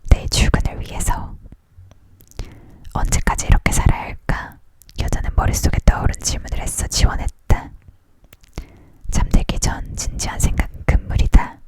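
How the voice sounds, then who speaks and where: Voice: moderate pace, pauses often. A storyteller reading a novel aloud in a whispered ASMR style, leaning in to whisper. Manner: leaning in to whisper, hushed narration.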